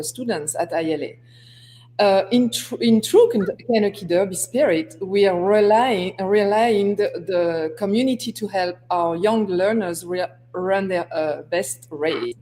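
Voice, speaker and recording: A woman's voice: mid-range voice, dark tone, rough recording. Female co-host making a formal donation appeal on a video call, some stumbles, faint hum behind. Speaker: school representative and co-host. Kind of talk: prepared fundraising appeal.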